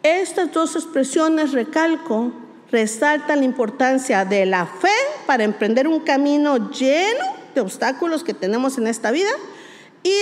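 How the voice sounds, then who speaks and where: A woman pastor preaches a sermon in a high voice. She hammers key words and throws rhetorical questions at her listeners. Her voice rings with a long hall reverb.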